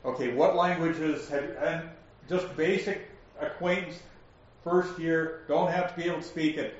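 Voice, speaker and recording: A man teaching a Bible study, explaining verses slowly and asking his class questions. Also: fairly high pitch, steady tone. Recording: echoey room, distant lo-fi mic.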